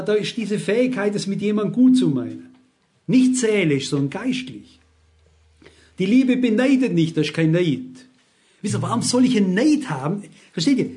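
A man's voice: high-pitched, dark tone. A man in his sixties preaching a sermon, emphatic and constantly asking his listeners rhetorical questions.

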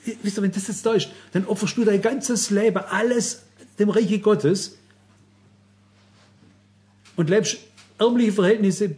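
Guy preaching a sermon, pretty high voice, earnest, keeps hammering rhetorical questions at the congregation. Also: darkish tone. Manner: emphatic, repeats rhetorical questions; earnest, pleading tone with frequent asides to listeners.

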